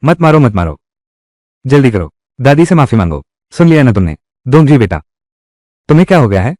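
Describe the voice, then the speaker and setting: A man's voice: mid-range voice, big pitch swings, fairly quick, warm tone, dry recording, clean studio sound. A man dubbing a family drama, voicing every role himself in a dramatic manner. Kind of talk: Hindi-dubbed drama, one voice for all roles.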